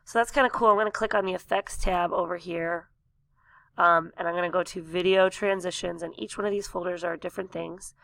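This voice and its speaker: A woman teacher talking through a software tutorial step by step, losing her voice, with coughs and throat clearing. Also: lowish voice, steady tone, a little fast. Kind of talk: screen-recorded software tutorial.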